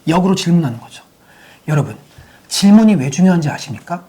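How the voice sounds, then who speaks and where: A woman's voice: on the low side, animated, fast, warm tone, husky. A woman giving a sex education lecture to parents, using many rhetorical questions to the audience.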